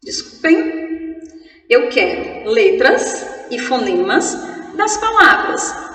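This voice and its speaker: A woman with a Brazilian Portuguese accent, teaching an online grammar class in a playful, chatty way and slowly spelling words out. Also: sits high, very animated, fairly bright tone, roomy sound, long reverb tail, distant mic.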